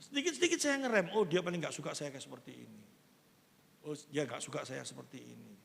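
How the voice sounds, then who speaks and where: A man, preaching a sermon as a pastor in a lively, conversational way with everyday examples. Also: fairly high pitch, quick pace, gravelly. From East Java, Indonesia. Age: 60s. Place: church hall. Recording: long reverb of a church hall.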